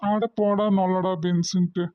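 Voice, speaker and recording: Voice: mid-range voice, level tone, moderate pace, close to an everyday voice. A performer playing a young male friend in a cartoon who teases and mocks, with a Kongu Tamil accent. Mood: teasing. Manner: teasing, mocking. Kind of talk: cartoon voice acting. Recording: dull dry lo-fi recording.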